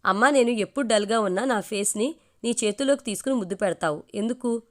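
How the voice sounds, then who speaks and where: A woman's voice: on the high side, fast talker, close to an everyday voice. A woman voicing a lovesick young husband in a read-aloud story, speaking in a pleading, boyish way.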